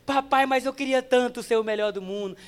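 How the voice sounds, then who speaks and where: A man's voice: very high-pitched, a little fast, clean tone. A Brazilian man voicing a sad little boy. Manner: whiny, pleading. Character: small boy, sad football fan, sweet.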